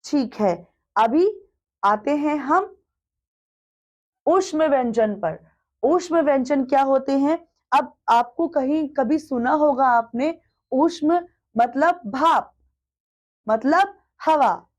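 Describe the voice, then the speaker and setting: A woman's voice: high voice, slow, long pauses. A woman teaching the Hindi alphabet to children, patiently sounding out each letter and asking the class questions that she then answers herself.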